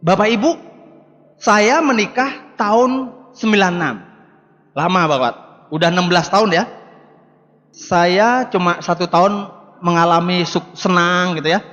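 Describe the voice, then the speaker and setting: A man's voice: high-pitched, a little slow, pauses often, a bit bright. A man in his forties giving an emphatic seminar speech to a live audience, repeating rallying words and addressing the crowd directly. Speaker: motivational business speaker. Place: large hall with live audience. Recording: echoey hall, dull lo-fi sound.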